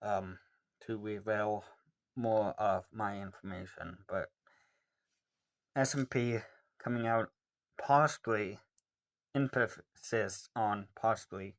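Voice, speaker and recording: Slow, hesitant teenage guy. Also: fairly low pitch, steady tone. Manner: rambling, hesitant, many ums. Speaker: vlogger answering questions. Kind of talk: casual Q&A monologue.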